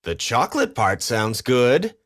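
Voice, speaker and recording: A man voicing a bossy, vain, excitable cartoon lemur king with an imperious, theatrical manner. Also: medium pitch, unhurried.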